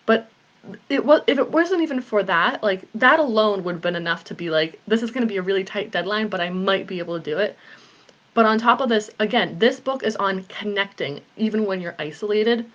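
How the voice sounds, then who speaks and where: A woman's voice: medium pitch, animated, fairly quick, fairly bright tone, highs cut off. A woman in her late twenties chatting candidly on a live video with her group, rambling a little with plenty of ums. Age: 20s. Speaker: author and group host. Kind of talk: casual live video chat.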